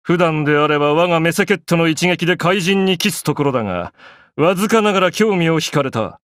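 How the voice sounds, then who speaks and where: Fairly high-pitched and a bit bright, a male actor delivers the lines of a grandiose, arrogant young pharaoh in an anime game quickly and expressively, sounding smug and regal in his imperious declaiming. The studio sound is clean, without echo.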